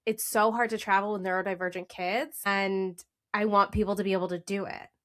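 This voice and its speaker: A woman's voice: mid-range voice, flat delivery, a little fast, a bit bright. A woman hosting a podcast, talking eagerly in casual chat and often restarting her sentences.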